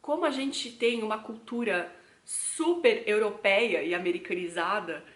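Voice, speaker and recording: This is a casual vlog in which a young Brazilian travel vlogger speaks to her viewers without hurrying, in a mid-range voice with a Brazilian Portuguese accent. She is chatty and reflective and speaks to them directly as "gente." Her recording sounds echoey.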